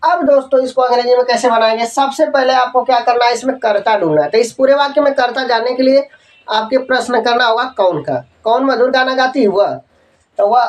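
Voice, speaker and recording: A man teaching an English grammar lesson, dictating example sentences slowly, spelling words letter by letter and checking that students follow. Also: extremely high pitch, recorded from a distance, rough recording. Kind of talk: Hindi-medium grammar lesson.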